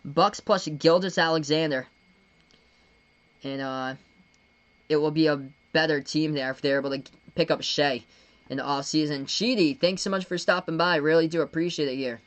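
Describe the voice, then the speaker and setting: A young man from Massachusetts, voice set a bit high, doing live basketball play-by-play on his stream. He rattles off fast, excited calls on the court action, then slows into easygoing chatter and thank-yous to his viewers. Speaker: live-stream sports commentator. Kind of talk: live play-by-play with chat shout-outs.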